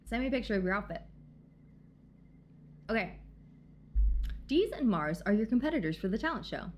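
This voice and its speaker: A woman livestreamer chatting casually with her audience in a cute, bubbly, excitable and gushing way. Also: medium pitch, normal speed, a little hiss or hum. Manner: excitable, exclamatory. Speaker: livestreamer and host. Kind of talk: casual livestream chat, greeting raiders and thanking gifters.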